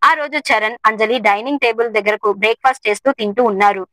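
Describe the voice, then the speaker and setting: Woman story narrator; steady, expressive scripted reading, fairly high and bright. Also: fast, no echo, poor audio.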